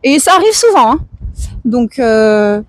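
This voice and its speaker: A woman with a hoarse, tired voice, chatting casually and answering viewers on an outdoor livestream. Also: on the high side, big pitch swings, a little slow, dry recording. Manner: chatty, slangy, reads out and answers chat. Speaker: live streamer chatting with viewers. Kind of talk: casual chat, IRL livestream. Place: outdoors, walking through town streets.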